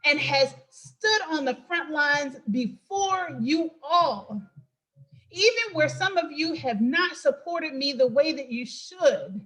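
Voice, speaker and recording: A woman hosting an impassioned political talk, emphatic and preachy, with quick asides. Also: high-pitched, animated, a bit bright. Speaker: host and political commentator.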